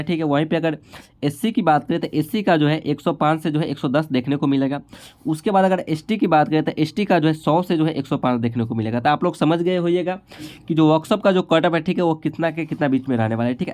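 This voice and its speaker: A man whose voice is a little high and a little mellow walks through exam cut-offs and statistics as an exam-prep instructor, keeping it informal. He repeatedly closes nearly each phrase with a short confirming tag.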